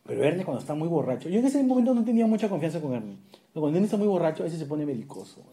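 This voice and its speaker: A man's voice: on the high side, sing-song, racing, warm tone. A man with a Peruvian accent, animatedly telling a story in casual, slang-heavy, swear-filled chat with a friend. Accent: Peruvian Spanish. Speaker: podcast co-host.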